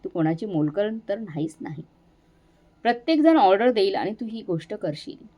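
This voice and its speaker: A woman voicing a kind husband who gently reassures his wife in a storybook reading. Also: mid-range voice, lively intonation, moderate pace, close to an everyday voice. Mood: reassuring.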